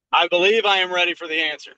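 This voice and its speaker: A man from Ohio, a general contractor, talking casually on a low quality video call while driving, easygoing and hesitant with fillers and restarts. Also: sharp tone, smooth, no room sound, rough recording. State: driving a vehicle. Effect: low quality streamed video call audio. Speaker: general contractor seeking advice.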